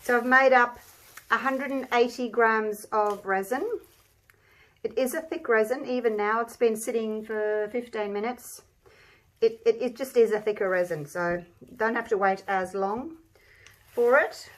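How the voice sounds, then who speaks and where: A woman's voice: a little high, fairly even intonation, unhurried. An Australian woman giving a casual, chatty craft demonstration, thinking aloud, her voice slightly muffled by a mask over her mouth. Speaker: craft tutorial host. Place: indoor craft table.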